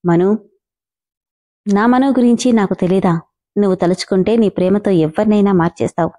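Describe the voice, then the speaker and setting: Woman reading as a gently firm mother. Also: mid-range voice, moderate pace, lightly acted. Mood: coaxing. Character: caring middle-aged mother, gently firm.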